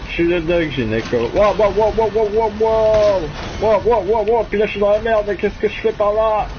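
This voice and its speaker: A man's voice: high voice, normal speed. A man giving live commentary on a horror shooter he plays alone, swearing constantly and repeating words in panicked bursts. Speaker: gamer playing solo. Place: at home at a game console. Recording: dull lo-fi sound with loud game noise.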